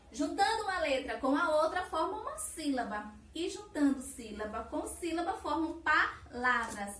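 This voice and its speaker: A woman's voice: high voice, fairly bright tone. A woman teacher with a Brazilian Portuguese accent giving a recorded lesson to young children, patient and sing-song, stretching out syllables. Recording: roomy echo, far from the mic, faint hiss.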